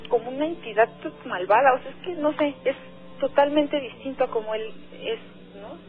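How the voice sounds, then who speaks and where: A woman's voice: high voice, moderate pace. A woman with a Mexican accent, calling in to a radio show and telling her story in an earnest, hesitant way, with many filler words. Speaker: radio caller. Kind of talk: phone-in conversation. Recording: tinny phone line, faint music.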